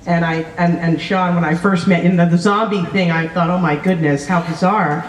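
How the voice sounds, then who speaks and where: A woman speaks in a gushing, slightly halting way as she toasts the couple. Her voice rings in an echoey room, with the crowd of guests clearly audible behind. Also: lowish voice, steady tone. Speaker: wedding guest giving a toast. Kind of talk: informal wedding toast.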